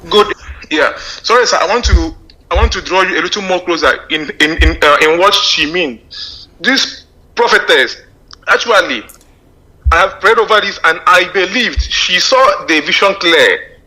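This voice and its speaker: Man calling in over a phone line, hesitant and repetitive; voice pitched high and sharply bright. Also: lively intonation. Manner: halting, frequent fillers and repeated words. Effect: heard over a phone line. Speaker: radio call-in caller. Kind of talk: earnest call-in comment.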